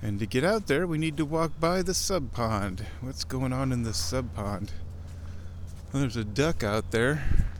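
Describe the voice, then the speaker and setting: An animated, mid-range voice at a measured pace belongs to a man hosting a casual show, a podcast host and chairman describing his walk outside in a rambling, observant way. Wind and breezy outdoor sounds can be heard as he moves.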